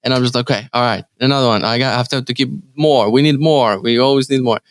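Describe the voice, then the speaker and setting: He's a Ukrainian real estate team leader appearing as a guest, speaking accented English as a second language. His replies to the interview questions stumble along with frequent restarts and fillers. His voice is mid-range and there is no room sound.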